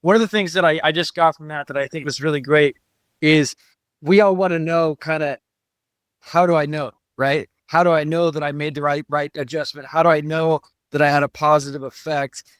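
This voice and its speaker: A man's voice: a little high, steady tone, brisk, a bit bright, smooth, no echo, clean studio sound. A man hosting a podcast interview, asking curious, clarifying questions and affirming the answers. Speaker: podcast host.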